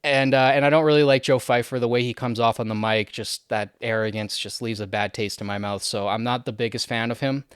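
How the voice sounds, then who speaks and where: A young Canadian man talks through fight results in a loose, chatty way, chuckling often between points. His voice is smooth and clear, and the recording is dry and close with no room sound. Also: mid-range voice, fairly even intonation, a little fast, few pauses, no room sound. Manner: chatty, laughs often, many fillers. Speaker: MMA fight commentator. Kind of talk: casual fight breakdown.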